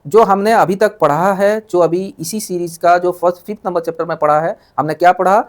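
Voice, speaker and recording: A man's voice: sits high, brisk. A man teaches a maths lesson in an explanatory voice. He repeats key terms and keeps asking rhetorical questions to check that students understand. He mixes English technical terms into his explanations.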